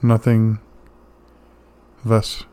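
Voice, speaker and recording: Slow, low, soothing man's voice. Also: completely flat delivery, clean tone. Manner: soothing, gentle, unhurried with pauses. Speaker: host of a sleep relaxation show. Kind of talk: calm bedtime relaxation monologue.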